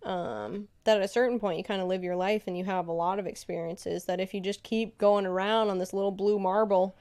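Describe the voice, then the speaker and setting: A woman co-hosting a podcast in casual chat, musing reflectively with many pauses and filler sounds. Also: mid-range voice, steady tone, darkish tone. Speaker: podcast co-host.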